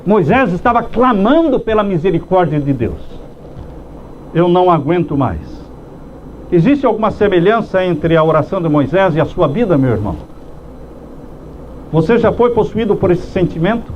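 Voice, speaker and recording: A pastor preaching a sermon slowly with emphatic pauses, acting out heartfelt prayers in his own voice. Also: sits high, animated, darkish tone. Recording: dull lo-fi sound with faint background noise.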